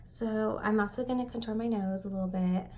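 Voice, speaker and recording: A young woman chatting at home through a makeup tutorial, rambling with lots of fillers and dropping into soft whispered asides. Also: mid-range voice, steady tone, fairly quick, slight background noise. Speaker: beauty vlogger.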